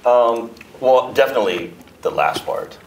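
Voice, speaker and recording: A man's voice: mid-range voice, animated, moderate pace, reverberant, far from the mic, slight background noise, poor audio. A male interviewer talking casually over food, hesitant with many fillers, sometimes switching languages. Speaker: entertainment interviewer.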